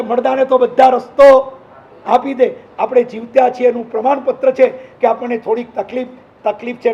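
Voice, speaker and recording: A man's voice: extremely high pitch, creaky, lo-fi sound. A man, a monk, preaching an emphatic sermon and acting out the people in his stories. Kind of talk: sermon with storytelling.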